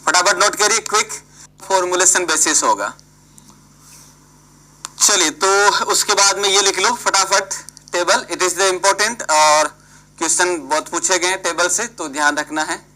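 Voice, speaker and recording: A man's voice: high-pitched, unhurried, pauses often, bright, forceful tone, low-quality recording. A man teaching an engineering class online, prodding and scolding students by name and mixing English terms into his talk.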